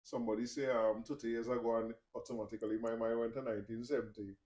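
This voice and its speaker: A man's voice: medium pitch, little pitch movement, quick pace, dark tone, poor audio. A man with a Trinidadian accent hosting a podcast interview, rambling and stumbling as he asks his questions. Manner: rambling, hesitant, stumbles over words. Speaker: podcast host. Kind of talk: casual interview.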